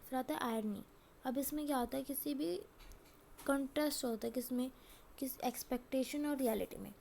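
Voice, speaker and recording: High-voiced woman teaching a class. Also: mellow, slight background noise. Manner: asks and answers her own questions, reads examples slowly. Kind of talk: classroom lesson.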